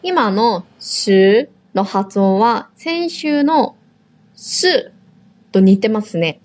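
Unhurried woman learner from Korea. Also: mid-range voice, expressive, darkish tone. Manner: repeats after the teacher, chatty when explaining. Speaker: co-host and learner. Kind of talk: casual language lesson chat.

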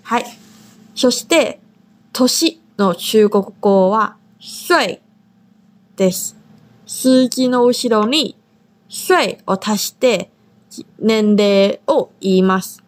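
A woman from Taiwan teaching a language lesson, modelling pronunciation slowly and carefully. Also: medium pitch. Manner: slow, drawn-out model pronunciation.

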